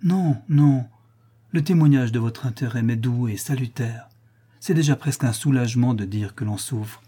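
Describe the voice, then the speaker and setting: A man's voice: mid-range voice, normal speed, warm tone, breathy edge, natural voice. A man voicing a grieving, melancholy prince in an audiobook reading, speaking solemnly and sorrowfully. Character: grieving middle-aged prince, noble and melancholy.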